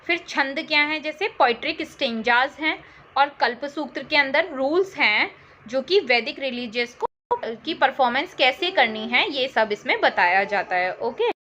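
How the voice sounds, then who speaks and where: A woman's voice: high-pitched, animated, moderate pace, bright, forceful tone. A woman teaching an exam-prep history lesson, who repeats key terms and quizzes her listeners with questions. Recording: slightly dull audio with faint noise.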